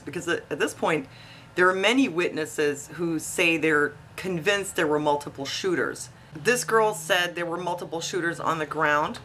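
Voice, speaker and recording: With a fairly low voice that sounds pushed and bright, the online video host carries on her informal investigative commentary, chatting, asking questions, and speculating as she goes. Outdoor tree cutting creates a buzzing noise behind her in the noisy recording.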